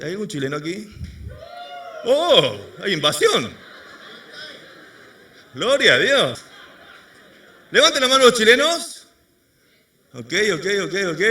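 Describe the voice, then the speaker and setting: High, animated preacher man. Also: takes it slowly, pauses often, far from the mic. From Argentina. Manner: quizzes the congregation with rhetorical questions. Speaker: pastor. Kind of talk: sermon. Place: church service before a congregation.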